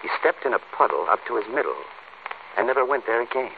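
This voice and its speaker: A man's voice: lively intonation, quick pace. An actor playing a deranged male doctor who is secretly a killer, in a sing-song, gloating 1940s radio acting style, heard as an old radio show broadcast. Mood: worried. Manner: sing-song, gloating, turns shrill and frantic. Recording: tinny scratchy 1940s radio broadcast, faint hiss.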